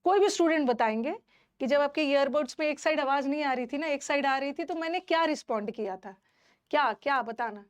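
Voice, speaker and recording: A woman's voice: high voice, a little fast. A woman teaching an English class online, who scolds her students indignantly and mixes English words into her speech.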